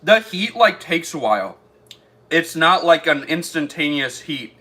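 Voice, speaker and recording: A man's voice: fairly high pitch, very animated, unhurried, sharp tone. A man chatting through a casual taste-test vlog, thinking aloud as he eats. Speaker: food reviewer.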